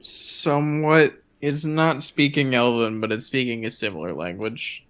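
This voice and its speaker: A man's voice: medium pitch, fairly even intonation, a little slow, fairly bright tone, smooth. A man playing a tabletop role-playing game, talking casually as he reports what his character does.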